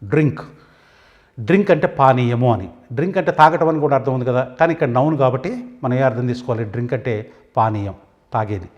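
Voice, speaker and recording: A man's voice: medium pitch, expressive, a little mellow, lo-fi sound. Telugu guy going through english words one by one, says the word then what it means, plain mid voice. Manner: says each English word, then gives its meaning, pausing between items. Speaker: English teacher. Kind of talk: vocabulary lesson.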